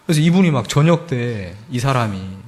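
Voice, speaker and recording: A man's voice: medium pitch, expressive, moderate pace, darkish tone. A man, a missionary, giving an emotional testimony at a church service, telling his story with lots of fillers and acting out the dialogue. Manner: frequent filler words, emotional emphasis. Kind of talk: testimony sermon.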